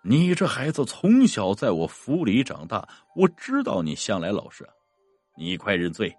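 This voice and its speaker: A man's voice: lowish voice, wildly swooping pitch, normal speed, darkish tone, husky, no room sound, soft background music, pitched below the performer's own voice, heavily acted. A man doing a trembling old squire. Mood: pleading. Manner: stammering and trembling. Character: frightened old male painter, a wealthy squire.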